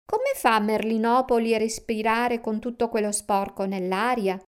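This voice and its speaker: Woman voicing a gentle young fox girl. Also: a little high, animated, moderate pace, smooth, natural voice. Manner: gentle, soft-spoken.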